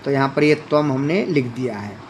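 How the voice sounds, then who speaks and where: A man's voice: mid-range voice, brisk, a little hiss or hum. A man teaching a Sanskrit lesson, reading lines aloud and then explaining them. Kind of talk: classroom explanation.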